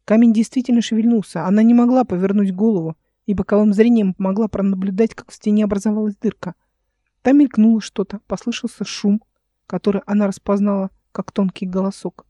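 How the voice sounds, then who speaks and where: Mellow woman narrating an audiobook. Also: medium pitch, no echo, clean studio sound.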